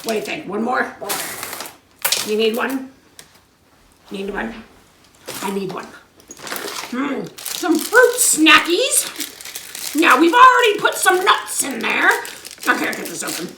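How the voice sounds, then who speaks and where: High-voiced woman in an echoey room. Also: very animated, slow, long pauses, distant mic, background noise. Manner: chatty, encouraging. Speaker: snack-making demonstrator. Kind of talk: casual kitchen demonstration.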